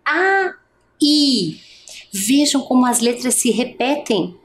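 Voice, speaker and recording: A woman's voice: sits high, very animated, takes it slowly. A woman teacher giving an adult literacy lesson, speaking patiently and stretching out each vowel sound.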